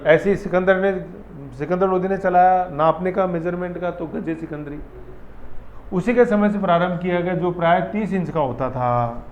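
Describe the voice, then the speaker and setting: A man with a high voice at normal speed teaches an exam-prep history lesson, chatty and repetitive, often quizzing his students. The room is echoey, the audio dull, with slight background noise and faint ambience.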